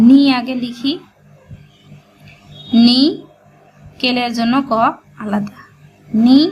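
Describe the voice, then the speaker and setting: A woman leads a shorthand lesson, splitting each word into syllables and saying them again and again. Her voice sits a little high and moves very slowly. A faint noise hangs behind the recording. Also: vocal fry, rough recording. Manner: breaks words into syllables and repeats them patiently. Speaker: shorthand teacher. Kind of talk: slow step-by-step dictation lesson.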